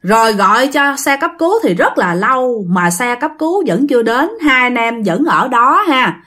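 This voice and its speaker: A woman with a Southern Vietnamese accent telling a ghost story, chatty and animated, speaking straight to her listeners. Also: moderate pace. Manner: animated, acts out quoted voices with big pitch jumps; chatty, addresses listeners directly.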